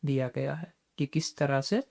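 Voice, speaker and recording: A man, a guest on a podcast, explaining spiritual practice in a measured way and dropping English terms into his talk. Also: medium pitch, gravelly, darkish tone.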